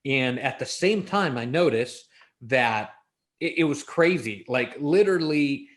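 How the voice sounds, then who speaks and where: A man from Los Angeles, with an American accent, talks casually as an interview guest, telling stories in an informal way. His medium-pitched voice is animated and unhurried.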